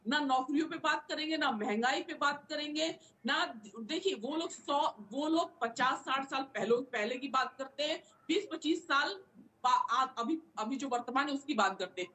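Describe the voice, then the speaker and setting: A high-pitched woman argues her party's case in a televised debate. She pushes point after point, doubling back on words and restarting sentences as she presses on. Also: normal speed, sharp tone, poor audio. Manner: argumentative, repeats words and restarts often. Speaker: political party spokesperson. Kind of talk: heated televised political debate.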